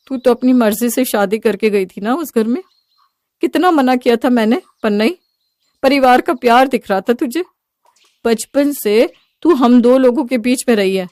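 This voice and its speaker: A woman's voice: a little high, a little mellow, dry recording, clean studio sound, natural voice. A woman playing a middle-aged mother who lectures her daughter in a bitter, reproachful way.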